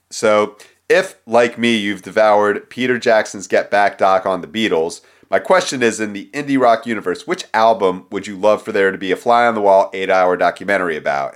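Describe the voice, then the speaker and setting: A man from the United States co-hosts a music podcast in a rambling, self-deprecating way. His voice sits very low. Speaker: podcast co-host. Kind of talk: casual chat.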